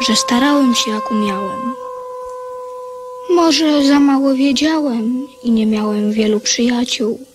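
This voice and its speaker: High-voiced sorrowful boy king. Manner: slow, grave, reflective. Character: doomed boy king, brave, sorrowful reformer. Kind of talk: radio drama acting.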